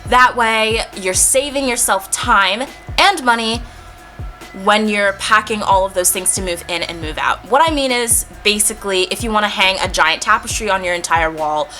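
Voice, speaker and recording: A young woman in college talks through her tips in a chatty, upbeat vlog style, full of little fillers. Her voice is bright and forward, with faint music playing underneath. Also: mid-range voice, moderate pace. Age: young adult. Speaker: college student vlogger. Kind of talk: casual advice vlog.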